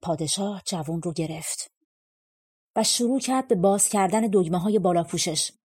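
Husky woman reading a fairy tale. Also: fairly low pitch, darkish tone. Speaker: audiobook narrator. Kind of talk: storybook narration.

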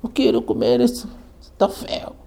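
A whiny, tearful little girl, as a preacher puts her on, pleading in a high, wavering voice. Her voice keeps its warm, mellow tone, and it swings up and down a lot. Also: big pitch swings, moderate pace, gravelly, slight background noise, heavily acted.

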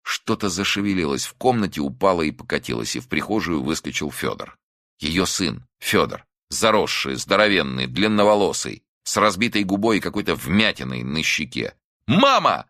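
A man narrating an audiobook in an expressive, measured storytelling manner, close to the mic. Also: a bass voice, no echo. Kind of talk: scripted narration.

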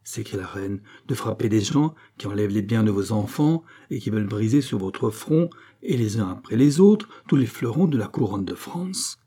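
A man's voice: lowish voice, animated, moderate pace, hardly any pauses, dark tone, breathy edge. A man voicing a proud, anguished queen in an audiobook, indignant and pleading. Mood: bitter, indignant. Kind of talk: audiobook character reading.

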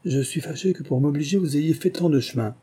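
A man voicing an impatient, fussy gentleman of fashion in a read novel. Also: on the high side, brisk, husky, pitched above the performer's own voice.

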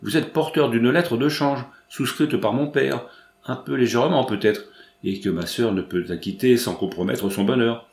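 Bold, quick-witted young woman, read by a man. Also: mid-range voice, creaky, reverberant, close to an everyday voice. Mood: eager. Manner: eager, pressing questions. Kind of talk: audiobook dialogue reading.

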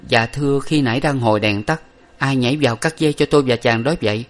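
A man voicing a tearful, devoted young woman in an audiobook of an old novel, pleading and gentle. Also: medium pitch, fast, voice pushed up, lightly acted. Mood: tender.

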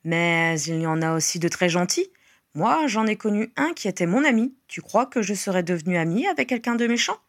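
A woman voicing a kindly older male wizard who asks gentle, patient questions, in a storybook reading. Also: mid-range voice, lively intonation, brisk, no room sound, clean studio sound, lightly acted.

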